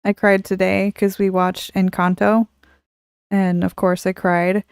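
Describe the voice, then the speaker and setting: A woman's voice: mid-range voice, little pitch movement, measured pace, gravelly, smooth, dry recording, clean studio sound. A woman in her thirties, co-hosting a podcast, speaking earnestly and emotionally in casual chat. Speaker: podcast co-host.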